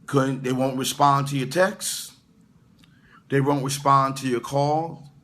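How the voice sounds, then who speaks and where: A middle-aged male pastor gives an informal livestream sermon from an indoor room away from his usual location, speaking directly to viewers in the comments with stammering restarts and asides. His mid-range voice is fairly even in intonation, slow, and a bit bright.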